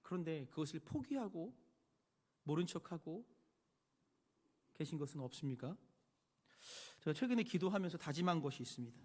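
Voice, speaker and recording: A male pastor giving a sermon, telling personal stories with animated swings between hushed and loud delivery. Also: fairly high pitch, normal speed, pauses often. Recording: long hall reverb.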